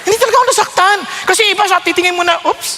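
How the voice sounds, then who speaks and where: A man with a Filipino accent preaching a sermon, telling a personal testimony in animated storytelling that mixes Tagalog and English. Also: very high-pitched, very fast, a little hiss or hum.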